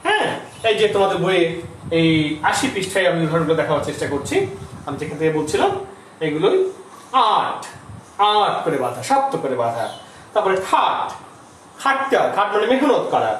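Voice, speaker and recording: A middle-aged man teaching a grammar lesson to school students, explaining slowly, repeating terms and asking the class questions. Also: high-pitched, big pitch swings, fairly bright tone. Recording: distant, echoey room with faint noise.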